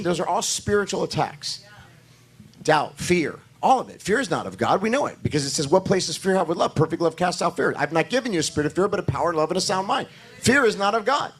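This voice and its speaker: A male pastor preaches a sermon in church in a hoarse voice that's fairly high for a man. He drives his points home with rising, emphatic declarations.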